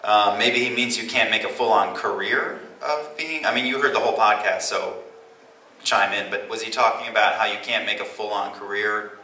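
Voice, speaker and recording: A chatty man in his thirties answers fan questions at a convention panel, rambling and poking fun at himself. His voice is bright and forceful but sits a little low. He is recorded from a distance in an echoey hall, with a faint hiss underneath. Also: fairly even intonation, moderate pace. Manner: chatty and self-deprecating, rambling answers with restarts. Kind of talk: casual panel Q&A. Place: large convention hall, live audience.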